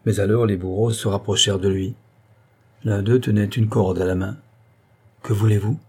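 A man reading a classic novel aloud as an audiobook narrator, in a measured, dramatic delivery. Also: lowish voice, fairly even intonation, darkish tone, slightly rough. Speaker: audiobook reader. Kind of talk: scripted literary narration.

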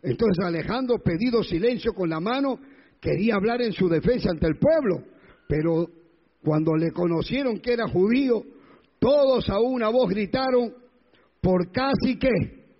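A man's voice: high-pitched, animated, moderate pace, slightly rough, long reverb tail, dull audio. A male pastor preaching a sermon, retelling scripture and acting out the crowds, often questioning his congregation.

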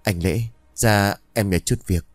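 A man's voice: fairly low pitch, a little slow, dry recording, soft background music, natural voice. A man voicing a troubled middle-aged villager who pleads in a strained voice in an audio ghost story. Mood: friendly.

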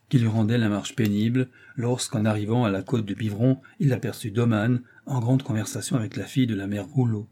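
A male narrator reads a classic novel in a steady, measured voice. His tone is husky and soft-edged, dark rather than bright. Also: on the low side. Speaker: audiobook narrator.

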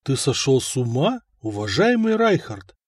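A man voicing a brash, shrewd young warlord who talks bluntly and calmly while haggling. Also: fairly high pitch, normal speed, dry recording, clean studio sound, natural voice.

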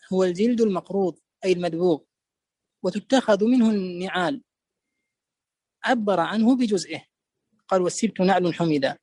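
A man teaching a classical text, explaining it word by word in a deliberate lecture style and repeating key words to stress them. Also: high-pitched, warm tone, dry recording.

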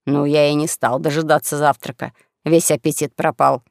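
A man voicing a gruff, hot-tempered bald old swindling preacher who grumbles and curses readily. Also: fairly high pitch, little pitch movement, normal speed, dry recording, studio quality, pitched below the performer's own voice. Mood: boastful.

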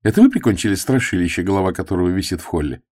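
A man voicing a cheerful, sharp-tongued young woman who teases with sarcasm. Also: low-pitched, big pitch swings, rapid-fire, dry recording, studio quality. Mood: eager. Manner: teasing, sarcastic.

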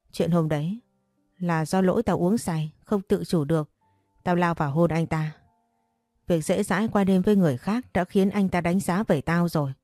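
A woman's voice: on the low side, mellow, dry recording, studio quality, close to an everyday voice. A woman voicing a blunt, coarse young woman who is the narrator's best friend, in an audiobook story.

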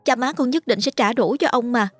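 A woman's voice: fairly high pitch, fairly quick, no room sound, soft background music, voice pushed up, lightly acted. A woman voicing a polite, timid sixteen-year-old peasant girl. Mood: pleading.

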